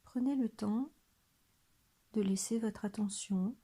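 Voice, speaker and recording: In a near-whispered, breathy voice of middle range, a female meditation guide takes listeners through a body scan. She speaks softly and soothingly, pausing at length.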